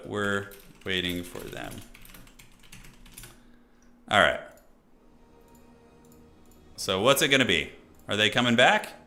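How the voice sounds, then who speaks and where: This is a man in his thirties talking casually to his stream chat and then calling a strategy game match. His voice sits a little low but has a bright, forceful edge. He rambles, restarts his sentences and scatters fillers throughout. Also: vocal fry, slight background noise. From United States. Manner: loose and chatty, many fillers and restarts, reads chat aloud. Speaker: streamer and caster.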